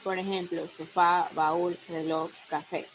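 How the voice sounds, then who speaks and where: A woman's voice: on the low side, little pitch movement, slow pace, slight background noise. A young adult woman giving a university class presentation, reading steadily and listing example words one by one. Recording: dull lo-fi recording.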